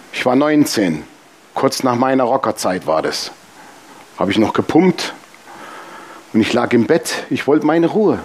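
A man preaching a sermon, telling personal stories with humor and speaking straight to the congregation. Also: mid-range voice. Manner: lively, humorous storytelling, addressing the congregation directly.

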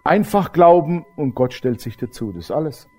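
Husky middle-aged preacher guy, talks right at the crowd, kinda high voice. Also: lively intonation, normal speed, darkish tone. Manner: storytelling, addresses the audience directly. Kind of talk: sermon testimony.

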